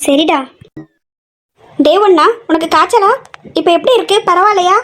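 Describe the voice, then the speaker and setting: A woman's voice: very high-pitched, normal speed, fairly bright tone. A young woman voicing female college students in an amateur audio drama, with a scolding, reassuring manner. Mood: protective.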